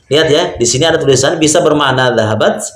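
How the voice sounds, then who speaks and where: A man's voice: fairly high pitch, fast talker, reverberant, a little hiss or hum. A man teaching an Arabic grammar lesson, explaining step by step with patient questions and frequent words of praise. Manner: patient, explains step by step, often says "Masya Allah".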